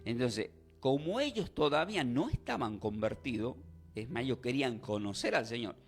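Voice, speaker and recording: A man's voice: mid-range voice, expressive, normal speed, faint music behind. A man preaching a sermon, asking rhetorical questions and leading call-and-response.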